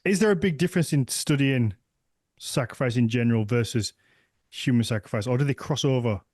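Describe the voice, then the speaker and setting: A man's voice: mid-range voice, brisk, darkish tone, no room sound, clean studio sound. A man hosting a podcast, talking in a friendly, easygoing way. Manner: friendly, easygoing, fills with "okay". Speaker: podcast host. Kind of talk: casual podcast chat.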